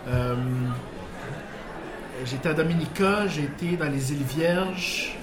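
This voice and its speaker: Unhurried and fairly high-pitched, a male guest with a Quebec French accent shares work stories while a crowd hums in the background. He comes from a Portuguese background, lives in Quebec, and tells his tales in a rambling way full of restarts and chuckles at a live bar interview. The recording is echoey with background noise.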